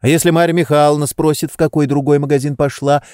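A man reading an audiobook, voicing an anxious, impatient young gentleman. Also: on the high side, level tone, fast, clean tone, dry recording, clean studio sound, pitched above the performer's own voice, natural voice. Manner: nervous, impatient.

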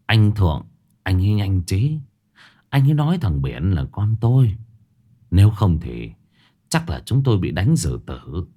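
Man doing a gruff, stern old father, low and grim, storybook ghost tale. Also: warm tone, heavily acted. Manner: gruff, snapping. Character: stern, worn-out elderly father.

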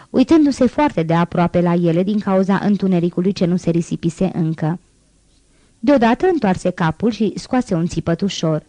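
Warm, low-voiced woman reading an audiobook. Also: no echo. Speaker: audiobook narrator. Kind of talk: scripted narration.

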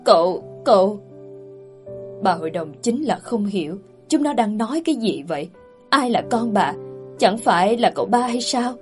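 A woman's voice: mid-range voice, lively intonation, normal speed, a little mellow. A woman narrating a family drama audiobook, voicing the characters' lines herself. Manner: voices the characters' quoted lines herself with mild emotion. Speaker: storyteller. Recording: faint background music.

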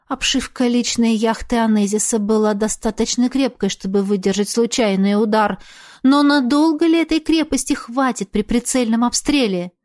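A woman's voice: a little high, darkish tone. A woman reading dramatic fiction as a scripted audiobook narrator.

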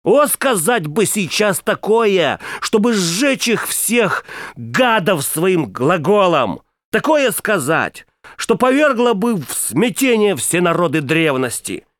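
Male audiobook narrator, ironic and declamatory first-person reading, animated pitch, dry close sound. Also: takes it slowly, dry recording.

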